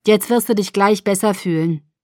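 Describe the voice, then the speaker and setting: A woman voicing a brisk hospital nurse who speaks curtly, in a slightly raised voice. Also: mid-range voice, mellow, no echo, studio quality, close to an everyday voice. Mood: reassuring.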